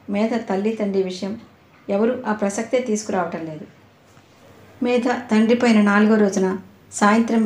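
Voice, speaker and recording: A woman reads a novel aloud in a calm, measured narration. Her voice is mellow and dark, never sharp. A roomy echo surrounds the recording. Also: medium pitch. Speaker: audiobook narrator.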